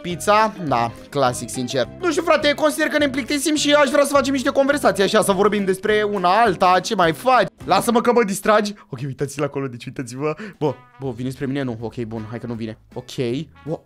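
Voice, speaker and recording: A young man giving excited gameplay commentary, talking to his viewers and swinging from hushed asides to loud outbursts. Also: high voice, few pauses, faint music behind. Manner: animated, talks to viewers, jumps from hushed to loud. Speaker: gaming YouTuber.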